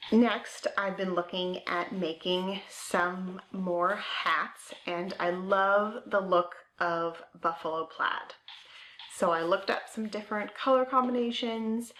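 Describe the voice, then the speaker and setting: A woman talks in a slow, unhurried way as she hosts a knitting show and chats about what she has. She sounds eager and casual, drifting off mid-thought and using fillers. Her voice echoes around the room at home where she is recording. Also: mid-range voice, steady tone, a bit bright. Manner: chatty and enthusiastic, with filler words and trailing thoughts. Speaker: knitting podcast host. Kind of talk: casual show-and-tell chat. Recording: roomy echo.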